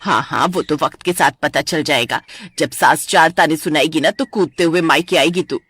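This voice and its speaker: A woman's voice: sits low, normal speed, fairly bright tone, husky, no echo, voice pushed down. A woman voicing a playful middle-aged mother who teases her married daughter. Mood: teasing. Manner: teasing, joking. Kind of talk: animated story voice acting.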